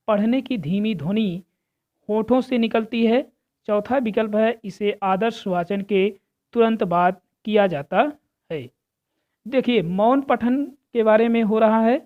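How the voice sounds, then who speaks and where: A woman's voice: mid-range voice, muffled recording. A woman teaching exam preparation, reading out multiple-choice questions and steadily explaining each answer while addressing viewers as friends.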